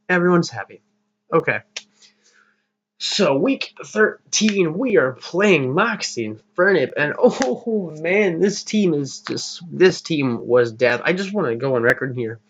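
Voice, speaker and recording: Over a slightly dull lo-fi mic, a young man with a medium-pitched, fairly bright voice chats casually about his team for an upcoming league battle. His commentary rambles, and he's self-deprecating, often laughing at himself.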